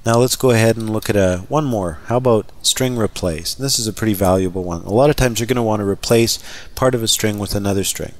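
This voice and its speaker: Guy with a lowish voice doing a coding screencast, laid back, lots of uh and um, keyboard clacking. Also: quick pace. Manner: relaxed, conversational, thinking aloud with fillers. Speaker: software trainer. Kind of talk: screen-recorded coding tutorial.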